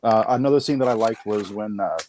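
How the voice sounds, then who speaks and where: A man on a casual movie podcast, deadpan and wisecracking. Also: fairly low pitch, a little fast. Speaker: podcast co-host. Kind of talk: casual movie review chat.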